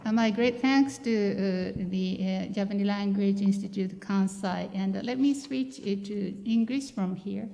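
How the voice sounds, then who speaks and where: A woman interpreting a speech into English, steady with filler pauses. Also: medium pitch, vocal fry. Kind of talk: consecutive interpreting. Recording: reverberant hall.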